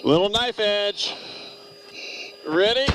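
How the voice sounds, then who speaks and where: A man's voice: high-pitched, lively intonation, takes it slowly. A man talking casually as a pilot over a fighter jet's cockpit radio intercom. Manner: casual, easygoing. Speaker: fighter jet demo pilot. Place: inside a fighter jet cockpit. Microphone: oxygen mask intercom mic. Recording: cockpit intercom audio, loud jet noise.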